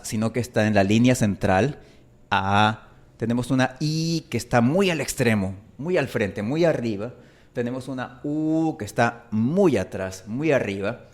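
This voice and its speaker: Native spanish-speaking guy teaching vowels, super slow and careful, stretches the sounds out. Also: mid-range voice. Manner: slow, careful enunciation with drawn-out example vowels. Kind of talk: pronunciation lesson.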